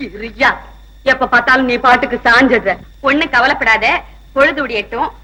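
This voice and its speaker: A woman's voice: a little high, moderate pace, bright, forceful tone, low-quality recording. An actress playing a playful young daughter in a film who teases her father and scolds her suitor.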